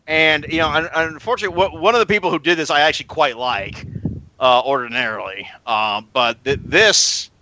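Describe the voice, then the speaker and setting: A man co-hosting a casual podcast chat, talking in halting bursts full of stammers and restarts. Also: on the high side, pushed and bright, lo-fi sound, a little hiss or hum. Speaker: podcast co-host.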